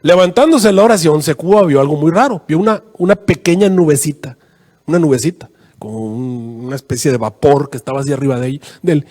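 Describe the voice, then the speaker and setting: Pastor predicando con eco de iglesia. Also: male voice, quick pace. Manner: animated, rising to high pitch in quoted prayers, many fillers "este". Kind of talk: sermon storytelling. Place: church. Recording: long reverb in a church hall.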